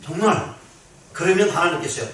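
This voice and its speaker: A male pastor delivers a Sunday sermon, his slightly high voice lifting sharply whenever he presses a point. The sound carries through a very echoey sanctuary, picked up by a mic set well away from him. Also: expressive, normal speed, fairly bright tone, recorded from a distance. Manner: emphatic preaching, pitch rising on key phrases. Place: church sanctuary.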